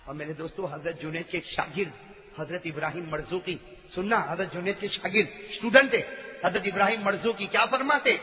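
A man Islamic preacher telling stories in a sermon, swinging from hushed tones to loud shouting. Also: sits high. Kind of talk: sermon with storytelling. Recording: echoey hall, muffled sound.

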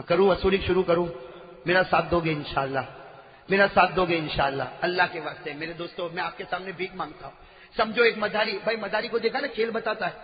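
Man preacher, high-pitched, dramatic sermon storyteller, muffled lo-fi hall sound with long reverb. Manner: dramatic, swinging from hushed to shouting. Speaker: Islamic preacher.

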